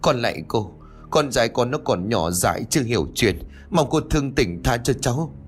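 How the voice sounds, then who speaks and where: A man's voice: mid-range voice, lively intonation, moderate pace, slightly rough, faint music behind. Desperate young mother in a storybook, voiced by a man, pleading. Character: young mother begging for her son.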